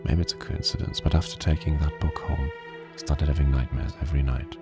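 A man voicing a weary, grim private detective who narrates a horror game in a slow, flat storytelling manner. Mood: brooding. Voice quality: very deep, gravelly. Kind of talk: scripted noir narration. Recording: game audio under loud music. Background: game music.

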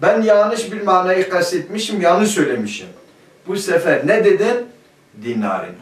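A man's voice: high-pitched, expressive, moderate pace. Guy teaching a class, keeps asking questions and answering himself, roomy echo. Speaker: teacher of Arabic grammar. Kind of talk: classroom lecture. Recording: echoey room, mic at a distance.

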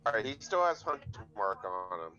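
A man in a tabletop game, describing his character's actions in a slow, deliberate way. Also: lowish voice, sing-song, pushed and bright. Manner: slow, deliberate, hesitant restarts when checking rules. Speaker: player. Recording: dull lo-fi mic.

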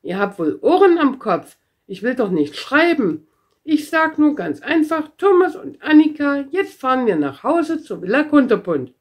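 A woman's voice: high voice, sing-song, normal speed, voice pushed up. A woman voicing a cheerful, boastful young girl in a storybook read-aloud, with a bouncy, carefree manner. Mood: cheeky. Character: cheerful, boastful red-haired girl, very strong.

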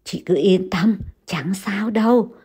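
Calm young man, reassuring, steady, slightly low, woman voicing him, slow delivery. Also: slightly rough. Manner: steady, reassuring, a bit lower.

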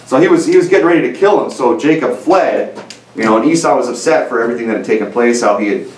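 A man in his thirties preaches a sermon at a lectern in a medium-sized church sanctuary, gesturing with both hands, earnest and conversational, with many restarts and "you know"s. His mid-range voice is lively, quick, and a little mellow. The roomy audio, recorded from a distance, has slight background noise.

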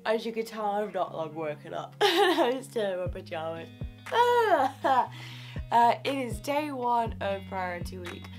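A drama student in her twenties vlogs casually with a slightly croaky voice that's on the high side and unhurried, with faint music behind her. She's chatty and upbeat and laughs often. She's filmed indoors in the bedroom and kitchen of her small student flat by a camera mic at arm's length.

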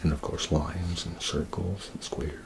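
Soft-spoken and halting, this older ASMR creator of about 60-something murmurs and half-whispers breathily in a low, steady voice while presenting his sketches. A Yeti mic sits close on the table in a small indoor room with a green backdrop, picking up noise and clicks.

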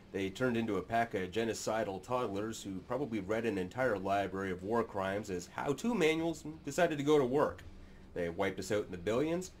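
This man's voice is on the low side, with slight background noise. In his thirties and hosting a sci-fi narration channel, he sits in a small room giving his webcam sardonic, crude commentary in a mock-serious way.

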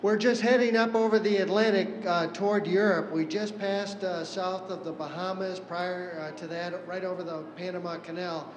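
An older man, an astronaut, answering questions calmly over a space-to-ground radio link, reporting in a matter-of-fact way. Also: high voice, normal speed, hardly any pauses. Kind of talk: live radio exchange with an event stage. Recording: echoey, noisy radio downlink from far off.

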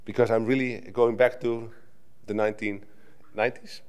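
Middle-aged Dutch man, slightly low voice, chatty conference talk at a lectern mic, restarts a lot. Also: little pitch movement, normal speed, a little mellow, clean tone. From Netherlands. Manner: conversational, with frequent restarts and filler "right?". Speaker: conference speaker. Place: conference hall stage at a lectern. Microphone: lectern microphone.

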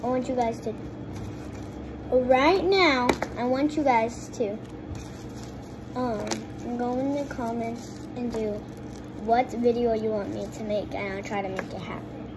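This female voice is on the high side and measured in pace, against a noisy background. It belongs to a young girl vlogging casually at her home kitchen table by a window, rambling and restarting as she talks to viewers through a phone propped on the table.

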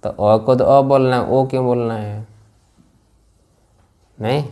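A man teaching Sanskrit grammar to a class. He speaks slowly, repeats key phrases and keeps asking his students whether they follow. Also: medium pitch, steady tone, mellow. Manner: slow and repetitive, drills phrases and checks understanding. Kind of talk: classroom lecture with questions to students.

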